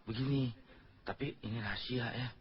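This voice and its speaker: A man's voice: medium pitch, moderate pace, lo-fi sound, a little hiss or hum. A Sundanese man in a comedy sketch, playing a hesitant, rambling simpleton. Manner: dim-witted, rambling, hesitant.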